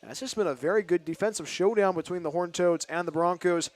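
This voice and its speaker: A man with a Californian accent calling a high school football game as play-by-play announcer, chatty and excitable. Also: dry recording. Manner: fast, chatty, excitable call. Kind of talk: play-by-play commentary.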